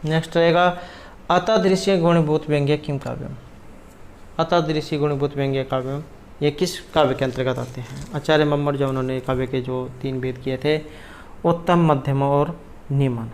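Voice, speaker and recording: Man, somewhat high voice; methodical exam tutor. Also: fairly even intonation, normal speed, a little hiss or hum. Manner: methodical, walks through answer options. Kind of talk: explaining exam questions.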